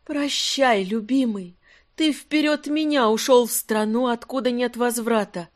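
A narrator voicing a young male actor reciting a mournful stage monologue slowly, in declamatory verse, in an audiobook. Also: medium pitch, steady tone, pitched above the performer's own voice, close to an everyday voice. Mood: grieving. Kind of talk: audiobook character voice.

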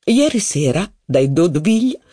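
A man's voice: sits high, sing-song, moderate pace, warm tone, voice pushed up. A reader voicing a foreign nobleman who gossips with wry irony.

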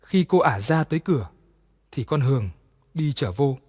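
A man narrating a ghost story in an even, measured way. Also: mid-range voice, husky. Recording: long reverb.

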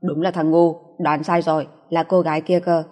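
A scornful male assassin in an audiobook, as a woman voices him, sneering at his foes. The voice is low and mellow with a husky edge. A long reverb trails it. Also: little pitch movement, moderate pace. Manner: mocking, laughing at others.

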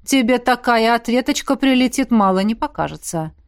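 Izergast, a sardonic dark magic master, voiced by a woman. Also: a little high, expressive, normal speed, no room sound, studio quality, pitched above the performer's own voice. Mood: low, sly. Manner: mocking, grumbling, sarcastic.

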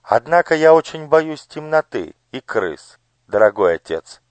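A man's voice: fairly high pitch, sing-song, unhurried, dry recording, voice pushed up. A man doing a refined noble lady. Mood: polite. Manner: polite, refined. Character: beautiful noble lady, timid and polite. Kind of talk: audiobook character voice.

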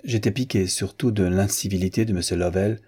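A man narrates a classic novel as an audiobook reader, in an even and unhurried way. His voice is low, dark and somewhat husky.

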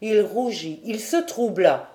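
Woman audiobook reader, slow and mellow, measured classic-novel narration. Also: mid-range voice, expressive.

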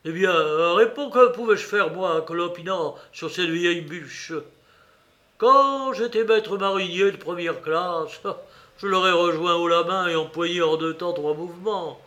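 A sly old peg-legged ship's cook, put on by a man reading the story aloud. He booms and blusters in loud, theatrical bursts, his voice sitting fairly high. A radio reading of an adventure tale. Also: measured pace. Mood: excited. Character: gruff one-legged old male sea cook, cunning and blustering.

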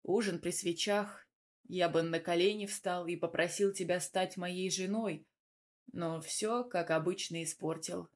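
A blunt, possessive young lover from a romance audiobook, read by a woman narrator. He speaks gruffly and a touch lower, teasing one moment and threatening the next. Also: steady tone, measured pace. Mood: tender.

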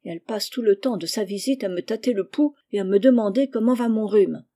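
Storybook role: a shy, worried orphan girl who frets and complains, in a mellow tone, read by a woman. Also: medium pitch, fairly quick, natural voice. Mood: fretful. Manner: anxious, complaining. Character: timid fretful orphan girl. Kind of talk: audiobook character reading.

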